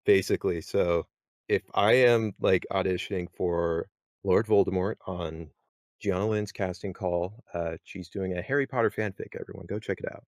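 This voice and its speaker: A man's voice: deep voice, steady tone, normal speed, no room sound, studio quality. A man moderating a casual podcast chat, rambling with many fillers and restarts.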